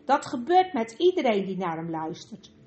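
A woman's voice: very animated, moderate pace, darkish tone, highs cut off, soft background music. Woman putting on a scheming cruel witch. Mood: scornful. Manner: coaxing then shrill and scornful.

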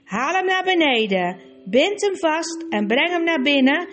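A woman's voice: high-pitched, expressive, measured pace, a bit bright, soft background music, pitched above the performer's own voice. A woman voicing a stern, dignified older king who speaks formally and measuredly in a storybook reading.

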